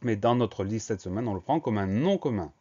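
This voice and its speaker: A man teaching a spelling lesson, slow and careful, breaking words into syllables and spelling them letter by letter. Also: fairly low pitch, animated, warm tone, slightly rough, highs cut off.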